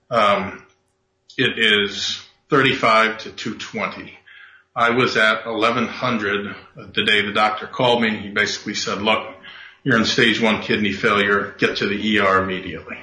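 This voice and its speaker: A man with a lowish, bright, forceful voice comes through a speakerphone in an echoey room. He is a regular guest on a radio talk show. He explains things at length in a steady, factual way. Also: normal speed. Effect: sounds like a speakerphone. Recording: roomy echo through a speakerphone.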